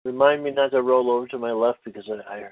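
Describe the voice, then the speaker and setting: A man rambling through a humorous casual chat, wry and halting, often cutting himself off mid-thought. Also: medium pitch, no echo, phone-quality sound. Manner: halting, self-interrupting, wry.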